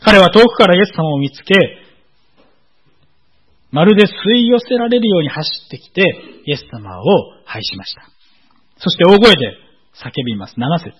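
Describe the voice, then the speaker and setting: Husky-voiced man preaching a sermon. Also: high voice, sing-song, poor audio. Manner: measured, explanatory, with frequent filler "well". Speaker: pastor.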